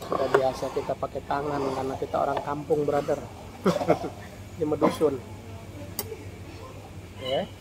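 Sitting at a cafe table outdoors in the evening, a middle-aged man from Indonesia reviews food for his vlog, addressing viewers in a friendly, chatty way as "brother." His slightly high voice is flat and measured, broken by long pauses. The audio, recorded on a phone, is noisy with cafe sounds.

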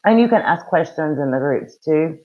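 This middle-aged Southern US woman, co-hosting a true-crime livestream from her home, has a low-pitched, animated voice and speaks at a moderate pace. She's chatty, blunt and full of folksy slang. The webcam picks her up with dull, lo-fi call quality.

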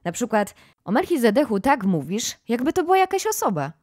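A woman voicing an excitable curious girl. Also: a little high, fairly quick, no echo, clean studio sound, pitched above the performer's own voice. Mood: eager. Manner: eager, wide-eyed exclamations. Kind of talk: audiobook reading.

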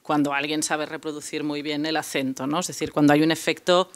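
A man as art lecturer, slightly higher voice, thinking aloud with restarts. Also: little pitch movement, fairly quick, smooth. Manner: hesitant, many restarts and tag questions.

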